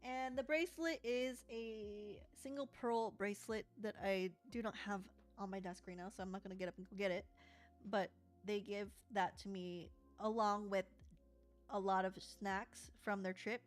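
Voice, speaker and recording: A woman's voice: medium pitch, fairly even intonation, moderate pace, faint music behind. A young woman chatting casually and playfully while she crafts in her journal, joking and giggling as she talks to viewers. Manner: playful, giggly, sings snatches of songs.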